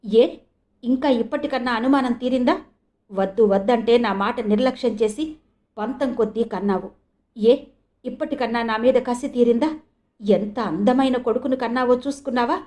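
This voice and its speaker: A bitter young husband who taunts with cold sarcasm, read by a woman. The voice keeps a mellow, warm tone and sits fairly high. It is a storybook figure in an audio novel. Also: normal speed, pauses often, natural voice. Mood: mocking. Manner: mocking, cold.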